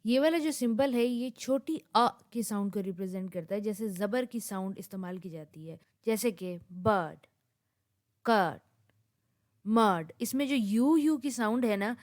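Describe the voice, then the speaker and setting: A woman giving an English phonetics lesson, reading example words one at a time at a steady pace. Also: a little high, normal speed, hardly any pauses. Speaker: English teacher. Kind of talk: slow, methodical lecture with spoken word lists.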